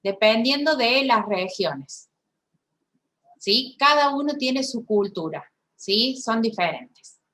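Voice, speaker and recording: A woman who gives voice to a signed lecture in first person. She talks haltingly, with restarts and frequent checks for agreement. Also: a little high, lively intonation, pushed and bright. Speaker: sign language voice interpreter.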